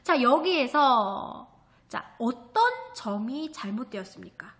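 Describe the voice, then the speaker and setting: Bright-voiced woman teaching a reading lesson. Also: a little high, expressive, slow. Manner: patient, asks the class questions and answers them. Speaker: elementary school teacher. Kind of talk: online video lesson, reading aloud and explaining.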